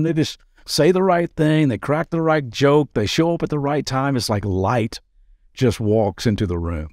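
A man's voice: medium pitch, a little mellow, no echo. Pastor guy doing a daily devo podcast, talks earnest and casual, cracks little jokes, dead dry room. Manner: conversational and earnest, with quick asides and playful jokes. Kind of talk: daily devotional podcast teaching.

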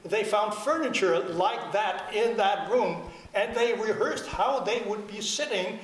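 A middle-aged man lecturing live in a rambling professorial way, with hesitations and asides. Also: high voice. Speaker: university lecturer. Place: large lecture theatre. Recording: very echoey lecture hall, distant.

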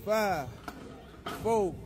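A man in his forties films lifters on a handheld phone in a large indoor gym, hyping them with chanted catchphrases and counting their reps. His voice is high-pitched and he draws out his words. Loud music plays in the background.

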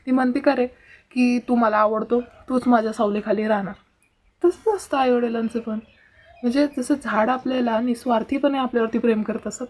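A woman's voice: fairly high pitch, darkish tone. A teenage girl hosting a casual advice vlog, earnest and lecturing, speaking straight to her viewers. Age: teens. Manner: earnest, lecturing, keeps addressing viewers directly. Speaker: vlogger host.

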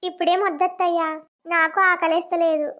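A blunt, sharp-tongued young wife from a village cartoon, voiced by a woman. She speaks with a very high, piercing voice. The audio is dull and lo-fi. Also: level tone, a little fast. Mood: polite. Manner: scolding, blunt village speech.

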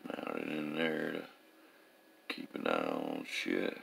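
An amateur engine builder and vlogger walks through his work in an indoor garage with a concrete floor, talking slowly and casually in an extremely low, gravelly voice with vocal fry. His pitch swings widely and his tone is fairly bright, and he's folksy, plain-spoken and liberal with swear words. Slight background noise is present.

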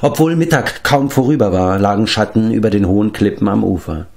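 A man narrating an audiobook in a measured, low storytelling tone. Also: vocal fry, a little mellow. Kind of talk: audiobook reading.

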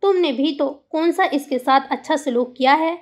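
A woman voicing an older mother figure who calms and gently admonishes. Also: high voice, normal speed, close to an everyday voice. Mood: soothing. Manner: calming, admonishing.

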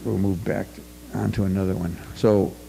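At a farm forum in a school auditorium, an older American man reads his prepared talk off paper into a podium mic on a stand. His warm voice sits low with little pitch movement and some vocal fry, at a normal pace, and he sometimes stumbles, restarts or offers an aside. The auditorium is reverberant, with faint music behind him.

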